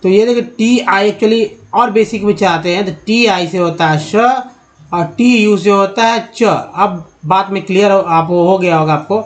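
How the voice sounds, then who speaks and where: A man teaching how English letters are pronounced, explaining step by step with many pauses and fillers. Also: high-pitched. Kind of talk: spoken lesson to camera.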